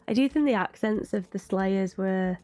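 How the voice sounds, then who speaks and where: A woman's voice: mid-range voice, moderate pace, warm tone, no echo, faint music behind. A British woman hosting a reaction video, chatty and opinionated, often filling her talk with "like". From Britain. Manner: chatty and opinionated, with frequent "like" fillers. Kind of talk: casual reaction commentary.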